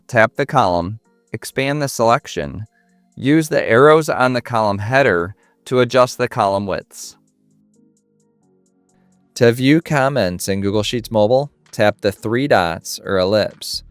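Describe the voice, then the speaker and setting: A man's voice: medium pitch, lively intonation, a little slow, clear, resonant tone, no echo. A man giving scripted tutorial narration, reading instructions as short, clipped steps. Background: music.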